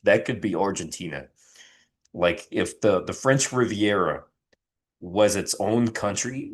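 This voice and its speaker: Male host, middle-aged, deep register, loose profane commentary with stop-start phrasing. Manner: rambling, profane, frequent restarts. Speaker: channel host. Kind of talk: casual livestream commentary.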